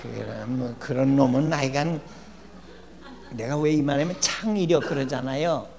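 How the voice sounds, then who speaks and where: A gravelly older man giving a lively, humorous lecture as a guest educator in a church. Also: medium pitch, moderate pace. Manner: lively, acts out quoted people with shouting and laughs. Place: church hall. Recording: long church hall reverb, faint hum.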